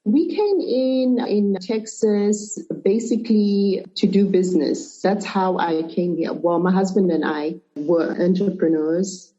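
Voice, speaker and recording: Relaxed Zambian-born woman with muffled audio. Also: medium pitch, slow pace, few pauses. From Zimbabwe and Zambia. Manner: relaxed, hesitant with small restarts. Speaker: podcast guest. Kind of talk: conversational interview answers. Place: remote call.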